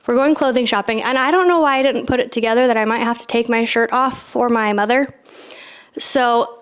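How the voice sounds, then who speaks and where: A woman in her thirties hosting a podcast, telling a personal story in an animated, chatty way full of "like" fillers. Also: fairly high pitch, clear, resonant tone. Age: 30s. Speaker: podcast host.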